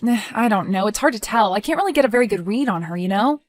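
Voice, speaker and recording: A woman playing a skeptical, sharp-tongued adult daughter in scripted story dialogue, expressive and conversational. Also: medium pitch, fast, natural voice. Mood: chatty, confiding.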